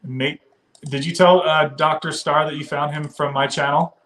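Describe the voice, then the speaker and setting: A man hosting a relaxed livestream from the western US talks loosely, laughs a lot and reads comments from viewers aloud. He speaks at normal speed with a steady tone, his voice a little high and a bit bright.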